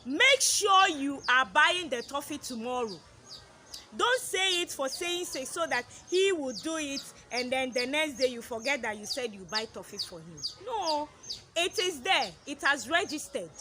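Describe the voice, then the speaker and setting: A woman's voice: sits high, background noise. A woman, a mother, giving earnest advice to other mothers in a casual vlog, repeating her points and acting out what children say. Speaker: parenting advice vlogger, mother.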